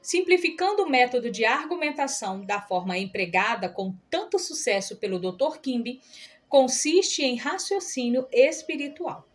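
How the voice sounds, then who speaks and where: A woman reading an audiobook aloud in a calm, measured narration. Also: high voice, faint music behind.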